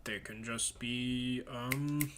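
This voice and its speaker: A young man chatting casually and emphatically in slang, thinking out loud as he rambles through his opinions. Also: mid-range voice, steady tone, very slow, a little hiss or hum. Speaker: solo commentator reading and reacting to comments. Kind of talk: casual rambling chat about comics and anime.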